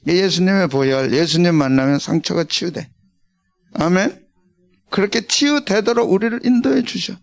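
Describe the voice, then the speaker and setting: A man's voice: high voice, normal speed, gravelly. An older man, a senior pastor, preaching a conversational, emphatic sermon and calling out to his congregation.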